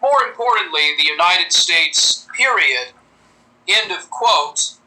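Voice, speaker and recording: A man with a high, very bright voice states a formal grievance. He talks in stiff, pseudo-legal phrasing. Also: lively intonation, slow, poor audio. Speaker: man in a played clip. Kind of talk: formal complaint speech.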